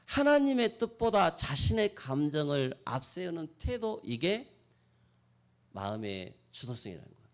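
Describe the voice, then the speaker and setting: A man preaching a sermon as pastor, swinging between loud exhortation and soft acted-out prayers. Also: fairly high pitch. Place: church sanctuary.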